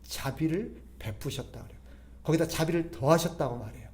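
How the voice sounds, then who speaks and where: A man preaching a sermon as pastor, asking the congregation rhetorical questions and swinging between loud emphasis and soft drops. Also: fairly high pitch, fairly quick.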